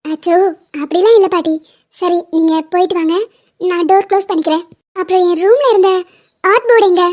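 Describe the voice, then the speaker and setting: A woman voicing a cheeky, affectionate young woman in an animated series, playfully defiant. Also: very high voice, brisk. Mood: gentle. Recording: dull lo-fi sound.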